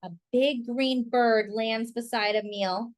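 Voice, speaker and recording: Here a woman storyteller shares a picture book with children, pausing to pose questions and comment on the illustrations. She speaks a little high, keeping a steady tone.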